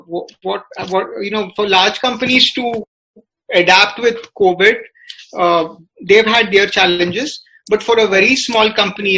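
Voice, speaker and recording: Hesitant and filler-heavy, a business reporter with an Indian accent provides analytical commentary for a podcast. His voice is high-pitched, pushed and bright. The rough recording has a little hiss or hum.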